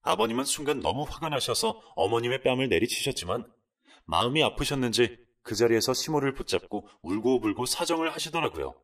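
A man narrating a listener's story in the first person, with expressive storytelling. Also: medium pitch, gravelly, distant mic.

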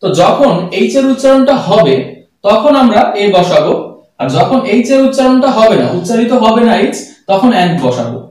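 A man teaching English grammar rules to students, patiently repeating the key points and reading examples slowly. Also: sits high, very animated, darkish tone. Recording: very echoey room, voice from a distance.

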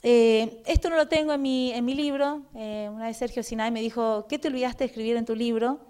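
A middle-aged woman with an Argentine accent, giving a public talk and telling personal anecdotes in an animated way with frequent "eh" fillers. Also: on the high side, brisk, smooth. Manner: animated storytelling, frequent "eh" fillers, acts out dialogue. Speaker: guest speaker.

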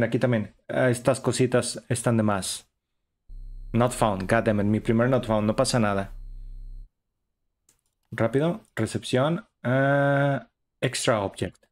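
A young man, giving chatty, upbeat running commentary while streaming a horror game. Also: mid-range voice. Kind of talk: live gaming stream commentary.

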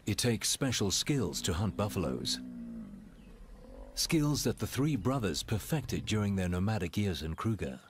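A man with a low voice narrates a wildlife documentary. His delivery is measured and dramatic, with deliberate pauses and very varied intonation. Wild ambience and animal sounds are clearly audible behind him. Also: sing-song, slight background noise.

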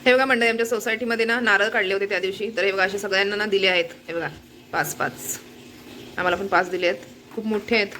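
A woman's voice: mid-range voice, fairly even intonation, quick pace, pushed and bright, a little hiss or hum. A young woman chatting casually to her viewers at home as a family vlogger, laughing often and cooing at her pet bird. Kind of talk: casual chat to camera.

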